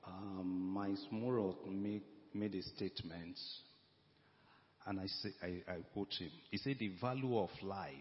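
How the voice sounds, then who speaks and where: A man preaching a sermon to his church, slow and emphatic, repeating his key phrases. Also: low voice, fairly even intonation, slight background noise. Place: church hall. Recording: echoey hall, dull lo-fi sound.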